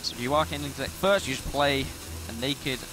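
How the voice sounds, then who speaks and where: A man's voice: medium pitch, fairly quick, very noisy. A man with an English West Country accent giving casual live card game commentary. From south-west England. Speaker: esports commentator. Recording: loud guitar game music behind. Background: loud game music with guitar.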